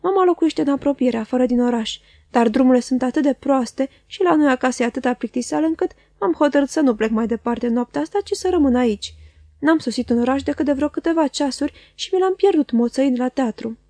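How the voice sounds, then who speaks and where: A woman's voice: high-pitched, expressive, no echo. Woman reading as Steerforth, a breezy young gent. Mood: cheerful, breezy. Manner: easy, teasing, condescending warmth. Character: breezy self-assured young gentleman student.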